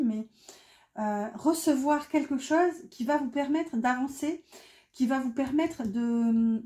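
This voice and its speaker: A woman reads tarot cards in a casual, chatty way, full of fillers and self-mocking asides. Her voice sits a little high and sounds soft and mellow. The room around her is echoey. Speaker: tarot reader.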